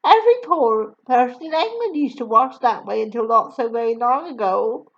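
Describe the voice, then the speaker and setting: A woman voicing a gentle, kind teacher. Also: on the high side, animated, normal speed, lo-fi sound. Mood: matter-of-fact.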